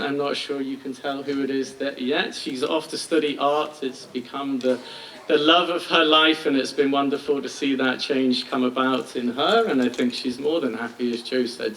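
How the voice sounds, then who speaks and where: A man's voice: medium pitch, a bit bright. A middle-aged British man, a school principal, giving a self-deprecating graduation speech with many ums and restarts. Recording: distant mic with faint noise.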